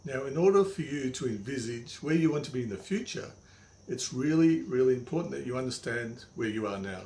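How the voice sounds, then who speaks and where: A man's voice: mid-range voice, expressive, fairly quick, mellow. Older man as wise mentor, echoey room. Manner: wise old mentor, didactic, plain-spoken, emphatic repetition. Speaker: money coach, presenter. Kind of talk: motivational instructional monologue to the viewer. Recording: echoey room, faint background noise.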